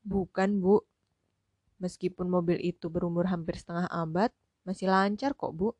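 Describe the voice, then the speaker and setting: A woman's voice: lowish voice, steady tone, moderate pace, darkish tone, no room sound, natural voice. A woman voicing a polite, careful visitor who speaks hesitantly to an older lady. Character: polite nervous young narrator character.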